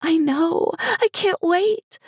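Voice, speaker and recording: Woman voicing a gushing, high-pitched perky young woman. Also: a little slow, dry recording, studio quality. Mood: giddy. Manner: gushing, bubbly, excitable. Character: perky, gushing young woman in her late twenties, excitable cheerleader type. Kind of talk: cozy mystery audiobook character voice.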